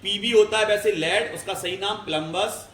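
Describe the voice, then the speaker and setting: A man's voice: high-pitched, normal speed, a bit bright, a little hiss or hum. Man lecturing in an echoey classroom. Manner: explains step by step, often checks "clear?". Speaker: chemistry teacher. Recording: echoey room, faint ambience.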